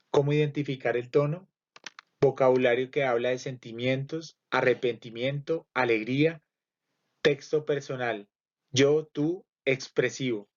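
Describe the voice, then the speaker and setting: A man reads a literature lesson aloud at a mid pitch. He works through lists item by item in a measured, steady way. The recording sounds muffled and lo-fi. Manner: measured, list-by-list reading. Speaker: literature teacher.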